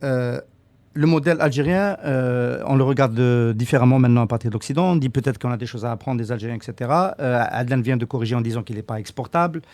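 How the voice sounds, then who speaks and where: A man's voice: medium pitch, quick pace, darkish tone, no room sound. A man from Algeria on a radio panel discussion, hesitant and full of repeated words and fillers.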